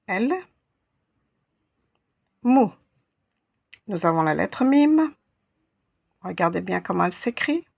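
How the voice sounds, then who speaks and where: Woman, language teacher, slow patient delivery, gravelly husky voice, lowish pitch. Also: big pitch swings. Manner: patient, repeats sounds syllable by syllable. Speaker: Arabic teacher. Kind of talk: slow step-by-step lesson.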